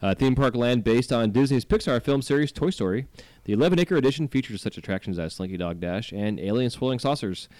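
A man's voice: medium pitch, expressive, brisk, darkish tone, no room sound. A man co-hosting a casual, joking podcast chat, with slushy S sounds that come out slurred. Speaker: podcast co-host. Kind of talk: casual podcast chat, partly reading out items.

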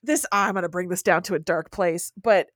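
A woman's voice: fairly low pitch, normal speed, a bit bright, no room sound. Thoughtful woman guest, dry close sound. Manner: thoughtful, self-aware asides. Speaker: podcast guest, romance novelist. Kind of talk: casual film discussion.

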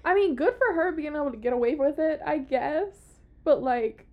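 Southern lady w a really high voice, chatty podcast storyteller, kinda sweary n sardonic. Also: moderate pace, highs cut off. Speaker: podcast co-host telling a true-crime story. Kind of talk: casual storytelling chat.

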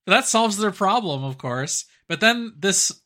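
A man's voice: high-pitched, lively intonation, measured pace, sharp tone. A man co-hosting a podcast, easygoing and agreeable in casual chat. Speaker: podcast co-host.

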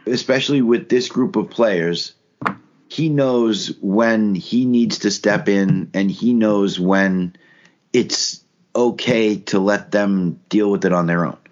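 A man with a very low, deep voice co-hosts a casual sports podcast. He thinks out loud, restarting sentences and hammering points home. The sound is a little dull and lo-fi. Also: takes it slowly. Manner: thinks aloud with restarts, emphatic. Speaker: podcast co-host.

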